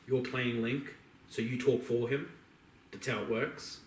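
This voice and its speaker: This male podcast co-host has a mid-range voice with fairly even intonation and a measured pace, plus a little hiss or hum. He jokes around in slangy, opinionated casual talk about video games and films, recorded with roomy echo from a distant mic.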